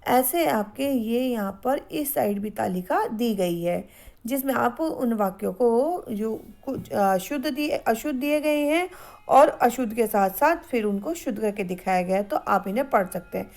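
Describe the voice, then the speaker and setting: A woman teaching a grammar lesson, reading words out slowly and saying each one twice. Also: fairly high pitch, animated, darkish tone. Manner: slow, careful, repeats each word twice.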